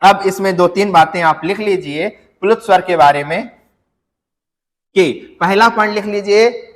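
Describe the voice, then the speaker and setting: A male teacher with a fairly high voice gives an exam-prep lecture. He asks his students questions and answers them himself, and he draws words out to demonstrate. His voice rings with a long reverb. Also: a little slow.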